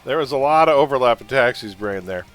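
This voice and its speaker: A man's voice: mid-range voice, animated, quick pace, a bit bright, soft background music. A man hosting a trivia quiz on a livestream, reading questions and making sarcastic jokes between them.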